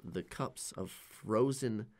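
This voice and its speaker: A young man, a podcast co-host, talking in a casual, jokey chat that swings between loud and quiet. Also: lowish voice, takes it slowly.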